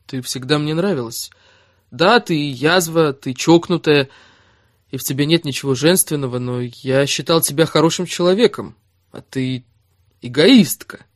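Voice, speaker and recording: A man's voice: a little high, normal speed, no room sound, studio quality, natural voice. Man playing a blunt, scolding young man. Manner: blunt, scolding, sometimes cold and flat. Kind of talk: audiobook character reading.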